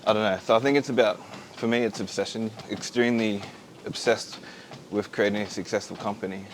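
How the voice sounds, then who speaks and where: This man speaks at a fast clip in a casual interview while on a treadmill. His voice sits a little low, with faint ambient noise behind it. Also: steady tone, low-quality recording. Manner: talking while exercising on a treadmill. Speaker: company founder.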